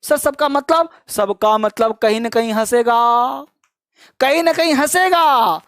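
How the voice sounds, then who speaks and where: A man teaching an English lesson, drilling word lists at a brisk clip and calling his students kids. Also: extremely high pitch, a bit bright, dry recording, studio quality. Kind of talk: spoken grammar lesson.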